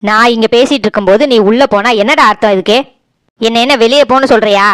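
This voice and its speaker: A sharp-tongued older mother-in-law, voiced by a woman with a Tirunelveli Tamil accent, accusing and self-pitying by turns. The voice sits a little high and sounds smooth and clean, recorded dry and close for a cartoon. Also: fast, no room sound, lightly acted. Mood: aggrieved. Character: domineering older mother-in-law, quick to scold. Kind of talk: cartoon voice acting.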